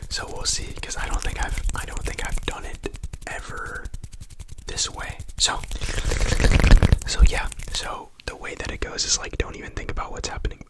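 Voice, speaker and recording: A man's voice: normal speed, poor audio. A young man whispering ASMR triggers close to the mic, rambling casually with lots of fillers and mouth sounds.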